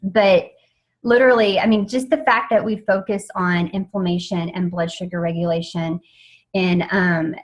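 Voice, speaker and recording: A woman's voice: on the low side, steady tone, moderate pace, poor audio. A young woman leading an informal team training in an eager, chatty way, with lots of fillers and restarts. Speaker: network marketing team trainer.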